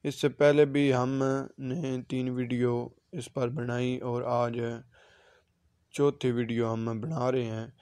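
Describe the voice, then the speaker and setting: Man, native Urdu speaker, teaching a casual vocab lesson, flat even delivery, dry close sound. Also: medium pitch, no echo. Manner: repeats each word slowly with its meaning. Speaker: Arabic language teacher.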